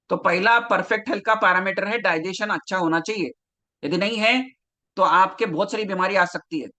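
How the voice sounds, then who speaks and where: A man's voice: high voice, sharp tone. A man, a health coach giving a live online masterclass, talking straight to viewers and reading out their names from the chat.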